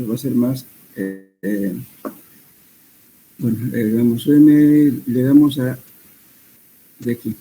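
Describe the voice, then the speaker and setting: Un hombre que da una clase de mecánica de suelos, explicando cálculos paso a paso con muletillas y correcciones. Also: male voice, mid-range voice, gravelly, a little hiss or hum, poor audio. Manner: steady explanatory teaching with hesitant fillers and self-corrections. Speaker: soil mechanics lecturer. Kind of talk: classroom lecture.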